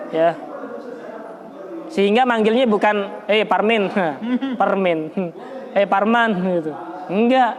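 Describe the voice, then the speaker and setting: A man leads a religious study lecture in a relaxed, conversational way, with a notably high voice. He quotes Arabic verses and then explains them. He repeats points for emphasis and often stumbles into restarts. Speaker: Islamic religious teacher.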